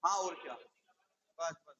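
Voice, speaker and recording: Maths teacher guy, kinda high voice, goes slow n patient thru each step. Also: bright, forceful tone, muffled recording. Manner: patient, step-by-step, checks with "theek hai". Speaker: maths tutor for exam coaching. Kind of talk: whiteboard maths lesson.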